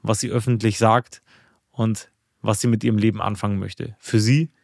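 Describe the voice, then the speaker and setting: A man's voice: on the low side, little pitch movement, moderate pace, gravelly, a little mellow, no echo, studio quality. A man hosting an interview podcast, introducing a guest and asking earnest questions with some fillers and restarts. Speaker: podcast host. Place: indoors.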